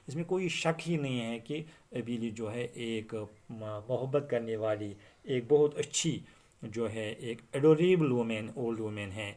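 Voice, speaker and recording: A male teacher explaining an English lesson to students, reading each English line slowly and then explaining it at length. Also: medium pitch, dark tone.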